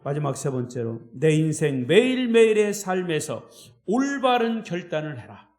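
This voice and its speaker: High-voiced Korean pastor preaching in an echoey hall. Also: male voice, sing-song, moderate pace, a little mellow. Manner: emphatic preaching with repetition and rhetorical questions. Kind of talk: sermon. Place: church sanctuary.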